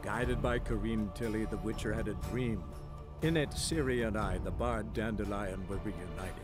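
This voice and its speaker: An actor playing a bard who narrates his friend's quest in a measured, theatrical storytelling manner. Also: fairly low pitch, over music, natural voice. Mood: solemn storytelling.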